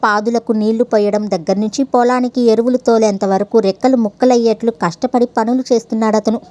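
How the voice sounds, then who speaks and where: A woman narrating a story in a steady, clear reading. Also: on the high side, a little fast, dry recording.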